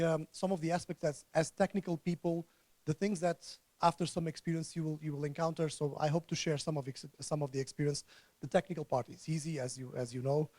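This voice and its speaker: A man from Portugal gives a conference talk to an audience in a conference room. Still recovering from an illness, he sounds hoarse and fairly high, and he speaks haltingly, often stalling and repeating words as he restarts. The sound is close, dry, and mellow, with no echo.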